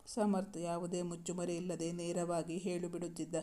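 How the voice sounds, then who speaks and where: Steady audiobook narrator, monotone delivery, soft dark tone, scripted story reading. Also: mid-range voice, moderate pace.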